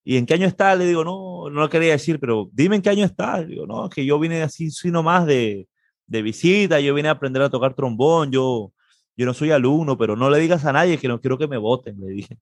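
A Peruvian trombonist, speaking with a Peruvian Spanish accent, tells a casual anecdote as an interview guest, animatedly acting out other people's lines in a raised voice. His voice is fairly high and brisk, recorded with clean studio sound and no echo.

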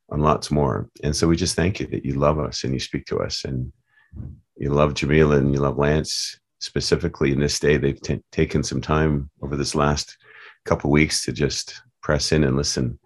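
A man leading a spontaneous, halting prayer with many pauses and fillers before handing over to a speaker. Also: rumbling low, slightly rough. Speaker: prayer leader and host.

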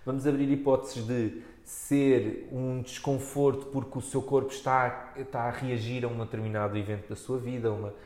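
Casual male podcast voice, European Portuguese accent, mid pitch, exploratory and halting, roomy sound. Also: fairly even intonation, darkish tone. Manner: hesitant, thinking aloud, acts out clients' remarks. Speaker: interviewer and body practitioner. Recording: echoey room.

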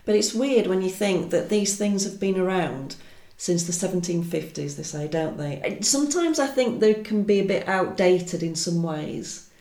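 A woman's voice: on the low side, lively intonation, moderate pace, hardly any pauses, warm tone, roomy sound. A woman hosting a podcast, chatting casually with a guest in an informal interview style. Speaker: podcast host and tarot teacher.

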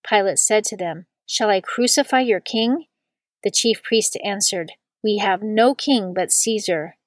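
A woman reading a long scripture passage aloud in a measured liturgical style, slowing down on the quoted words. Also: medium pitch, no echo. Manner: slow and deliberate on quoted words. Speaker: scripture reader.

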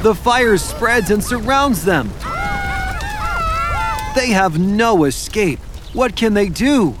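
A man narrating a children's cartoon story as a lively storyteller, dramatic and exclamatory. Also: high voice, slow pace, music in the background. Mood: dramatic suspense. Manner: dramatic, exclamatory, rhetorical questions.

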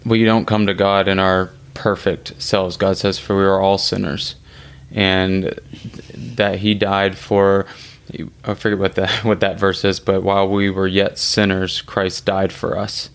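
Deep-voiced man co-hosting a podcast. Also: little pitch movement, a little slow, clear, resonant tone. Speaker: podcast co-host. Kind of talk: casual faith chat.

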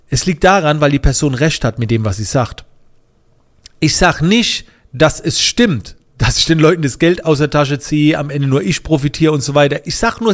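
A man, a business coach, talking his viewers through advice and acting out the people he quotes. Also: fairly high pitch. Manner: animated, acts out quoted people.

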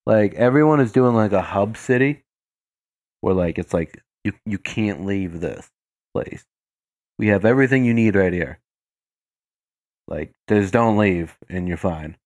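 A man with a fairly low voice co-hosts a podcast in relaxed, slangy chat. He tosses "dude" and "man" into almost every sentence. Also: a little slow, long pauses. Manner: laid-back, slangy, peppered with "dude". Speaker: podcast co-host.

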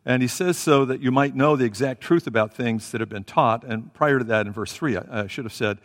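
Wearing a headset microphone, a man delivers a sermon with Bible reading and prayer in a church sanctuary, where the hall is reverberant. His voice is medium-pitched, a little fast, and loud by his own description. He talks conversationally and hesitantly, full of fillers and restarts.

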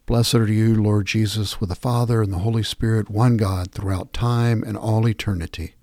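A man reading scripture passages and prayers aloud in a measured, reverent devotional style. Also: lowish voice, steady tone, darkish tone, no echo, studio quality.

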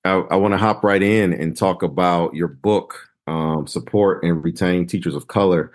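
A man hosting a podcast, talking in a lively, slangy, conversational way as he interviews a guest. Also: deep voice, normal speed. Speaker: podcast host. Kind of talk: casual interview.

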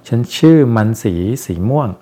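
A man voicing a thin woman in her late thirties who is hoarse from a cold, speaking slowly and politely. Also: dark tone, lightly acted. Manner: slow, polite and a little flustered. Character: thin lady in purple, a 38-year-old farm owner.

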